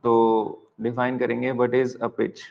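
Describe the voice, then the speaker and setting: An Indian man teaches an exam-prep lecture at a very slow, dictating pace, spelling out words letter by letter and repeating each definition so students can write it down. His voice sits at an ordinary middle pitch. The sound is slightly dull and lo-fi. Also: monotone, gravelly. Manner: mixes Hindi and English.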